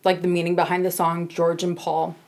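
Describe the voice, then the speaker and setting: A woman's voice: lowish voice, monotone, a little fast, darkish tone. A woman vlogger talking about music, chatty and emotional, reading excerpts aloud. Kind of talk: vlog commentary with readings.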